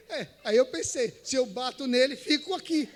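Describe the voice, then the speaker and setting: A man with a Brazilian Portuguese accent, a missionary preacher telling a story in a church sermon and acting out the dialogue. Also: very high voice. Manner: animated storyteller, acts out dialogue and scripture reading.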